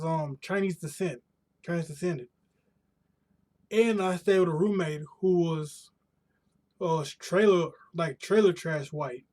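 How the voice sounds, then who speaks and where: Streaming live from his home room, this American man talks casually in a high, darkish voice. He rambles, frequently starting over and rephrasing, and his voice sounds a little worn from pollen allergies.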